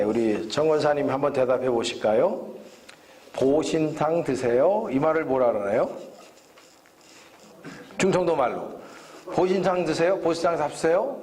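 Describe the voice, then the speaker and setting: A man's voice: medium pitch, a little mellow. A man preaching as guest pastor at a church revival service, joking with the congregation and asking them questions. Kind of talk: revival sermon. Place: church sanctuary.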